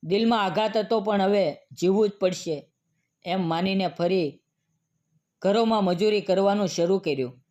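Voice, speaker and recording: High-voiced man narrating a solemn moral story. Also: darkish tone.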